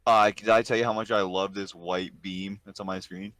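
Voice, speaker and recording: A man's voice: deep voice, flat delivery, normal speed, a bit bright, no echo. A young man in his late teens co-hosting a podcast, laid-back and sarcastic, laughing easily. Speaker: podcast co-host. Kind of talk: casual chat.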